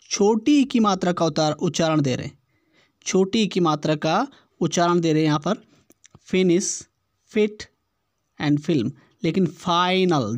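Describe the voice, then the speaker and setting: A man teaching an exam-prep lesson, reading test questions aloud slowly and repeating words to show their pronunciation. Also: a little high, dry recording.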